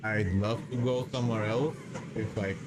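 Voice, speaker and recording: A Bulgarian man live streams a game, chatting casually in a hesitant, rambling way while reading the chat aloud. His voice is fairly low and steady at normal speed, with heavy background noise.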